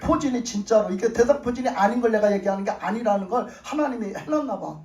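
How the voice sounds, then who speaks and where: A woman's voice: fairly high pitch, fast. Woman pastor telling a testimony in a roomy hall. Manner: animated storytelling, acting out her own prayers. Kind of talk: testimony sermon. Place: church sanctuary. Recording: roomy church hall, voice from a distance.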